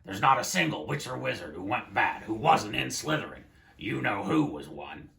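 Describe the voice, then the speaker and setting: A man voicing a gruff, protective giant man in a read-aloud of a children's storybook, emphatic and plain-spoken. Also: lowish voice, big pitch swings, normal speed, crowd noise, heavily acted. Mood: dark, emphatic.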